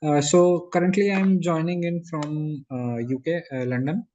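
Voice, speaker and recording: A man's voice: fairly high pitch, steady tone, unhurried, mellow. A man briefly introducing himself as a participant on an online call. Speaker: webinar participant. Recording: dull, lo-fi online call audio.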